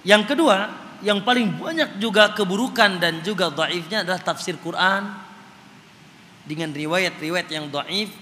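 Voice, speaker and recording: A man's voice: high-pitched, a little slow, bright, forceful tone. A man giving a Quran study lecture, speaking to his audience as Pak and chanting recitation examples. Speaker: religious teacher. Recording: hall reverb, faint noise.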